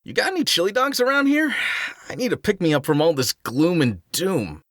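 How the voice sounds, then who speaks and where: A man's voice: sits high, very animated, brisk, noisy background. A man playing a cocky, upbeat young hedgehog hero in an audio drama, with a breezy, peppy, slangy delivery. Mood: cheerful.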